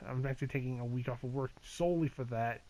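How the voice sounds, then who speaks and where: A man's voice: mid-range voice, fast, mellow, low-quality recording. A man giving a casual channel update as a gaming YouTuber, rambling and hesitant with many fillers, restarts and casual swearing.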